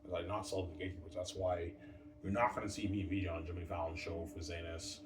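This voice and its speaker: Speaking fast and off-mic, a thirty-something vlogger delivers a loose, repetitive monologue, addressing viewers as "guys" and circling back to the same phrases. His voice is low with little pitch movement, and the echoey room carries background noise.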